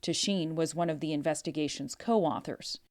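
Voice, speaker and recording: A woman's voice: low-pitched, normal speed, no echo, studio quality. A woman reporter reading scripted narration for an investigative news exposé.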